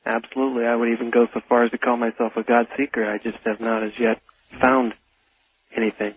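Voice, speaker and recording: A male caller phones into a talk radio show and argues his points with precise, insistent wording. His voice is a little husky. It comes over a dry, tinny phone line. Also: medium pitch, flat delivery, fast talker, dry recording. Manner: precise, insistent, lectures on definitions. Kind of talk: arguing on a call-in radio show.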